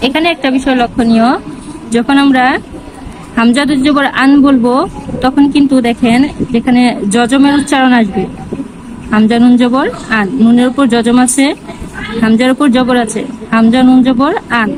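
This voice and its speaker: A woman teaching Quran reading step by step, slowly repeating each syllable in drills. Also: a little high, background noise. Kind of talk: step-by-step lesson.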